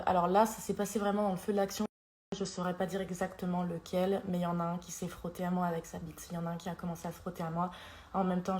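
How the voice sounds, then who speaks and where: A woman's voice: fairly low pitch, slight background noise. A young woman recounting events straight into her phone, blunt and talkative, swearing freely. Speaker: vlogger. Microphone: phone held at arm's length.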